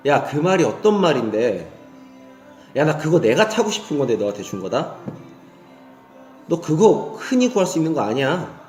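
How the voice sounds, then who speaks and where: A man's voice: medium pitch, sing-song, normal speed, long pauses, a little mellow, natural voice. A man voicing an irritable, arrogant ancient king who scolds and snaps in a story told as a sermon. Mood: irritated. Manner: snapping, scolding. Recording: roomy echo with faint music.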